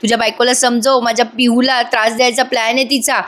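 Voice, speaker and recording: Woman reading a loud scolding aunt. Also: a little high, flat delivery, fast talker, close to an everyday voice. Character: shouting stubborn middle-aged aunt, overprotective mother.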